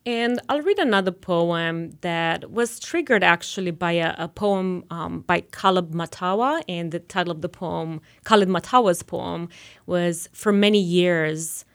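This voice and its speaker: A woman poet from Romania in her forties, reading her poems slowly and deliberately on a radio show. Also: on the low side, clean tone. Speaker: poet guest. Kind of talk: poetry reading.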